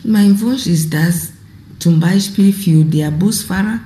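Woman, non-native speaker, broken German, extremely slow, mellow dark tone, echoey room, faint background noise. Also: on the low side. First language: not German. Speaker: interviewee.

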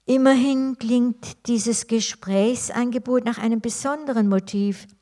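A woman reads the part of an elderly grandmother, earnest and worried in a storybook reading. The lines come slowly and deliberately, in nearly the reader's own voice. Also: a little high, mellow, close to an everyday voice.

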